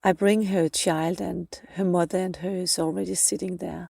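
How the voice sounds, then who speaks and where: A woman hosting a podcast, her voice low and gravelly with a mellow, dark tone. She retells a personal spiritual experience earnestly, in the present tense, circling back to repeat her phrases. The sound is close and dry, with no room echo. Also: steady tone, moderate pace. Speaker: podcast host.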